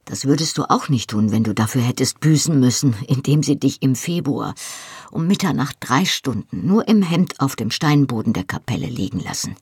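A reader voicing a wounded young man who answers low and hushed with dry humor. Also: lively intonation, moderate pace, husky, no echo. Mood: wry. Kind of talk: audiobook character reading.

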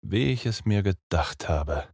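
A man voicing a grave, hushed old professor. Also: normal speed, no echo, studio quality. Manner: quiet, low-spoken, grim. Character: grave elderly professor, calm and ominous.

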